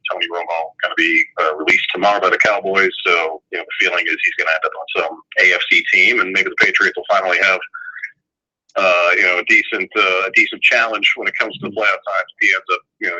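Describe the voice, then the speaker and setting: A man's voice: deep voice, bright, forceful tone, slightly rough. A man calling in over the phone as a sports reporter guest, talking casually and rambling with fillers and restarts. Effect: heard over a phone line. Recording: tinny lo-fi phone line.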